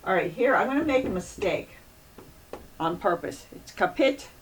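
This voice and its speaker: A woman's voice: medium pitch, animated, normal speed. A woman teaching a Latin grammar lesson, patiently repeating and drilling word endings as she works at the board. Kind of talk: classroom lecture at a board. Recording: distant mic with faint room noise.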